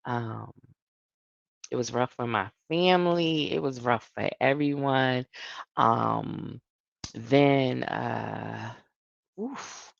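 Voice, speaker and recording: A woman's voice: a bass voice, drawn-out words, gravelly, long pauses, no room sound, muffled recording. A woman hosting a live chat, telling family stories with frequent laughter. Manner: storytelling, laughs often, grows sombre. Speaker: host.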